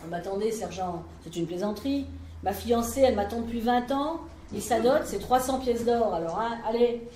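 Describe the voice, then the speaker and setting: A woman's voice: on the high side, normal speed, dark tone, a little hiss or hum, lightly acted. A woman storyteller voicing a tired, indignant old soldier with a blunt, folksy way of talking. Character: weary grumbling old male soldier. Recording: roomy live room, mic at a distance.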